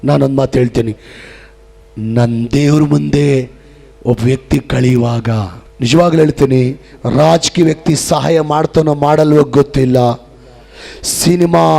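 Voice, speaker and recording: A man's voice: a little high, fairly even intonation, moderate pace, creaky, pauses often, dark tone. A male pastor preaching a sermon with a repetitive, emphatic cadence.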